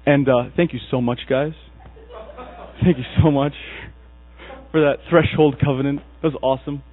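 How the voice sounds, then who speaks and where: Here a man from Egypt, at normal speed and in a mid-range voice, preaches by telling stories and animatedly acting out the people in them. His voice is husky, and the recording sounds tinny, dry and phone-like with mains hum.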